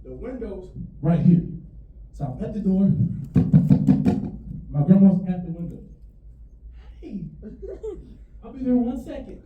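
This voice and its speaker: A man's voice: sits high, roomy sound, recorded from a distance, very noisy. A young man doing stand-up storytelling on a comedy stage and acting out the voices of the people and animals in his story. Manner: animated, acts out voices of grandma and dogs. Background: audience laughter.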